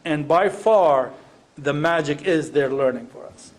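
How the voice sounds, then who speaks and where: Speaking off the cuff at a live panel event, a former science teacher from Iraq makes his points emphatically, repeating phrases and asking rhetorical questions. His voice is a little high and his pace measured.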